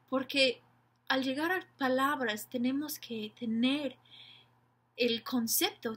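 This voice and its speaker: Slow, bright-voiced woman teaching parents. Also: a little high, slightly rough. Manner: patient, explains step by step. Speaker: educator giving tips to parents. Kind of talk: informal explanatory lesson.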